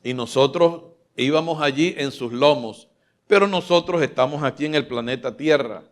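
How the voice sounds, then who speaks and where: A man's voice: on the high side, moderate pace. Emphatic preacher man with a raised voice. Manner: emphatic, rousing, calls out questions to the congregation. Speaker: pastor. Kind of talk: live Sunday sermon. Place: church stage before a large congregation. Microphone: filmed from a stage mic.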